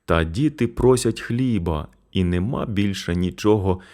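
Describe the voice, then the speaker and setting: A man narrating a children's audiobook story in an expressive storytelling manner. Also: low voice, a little slow.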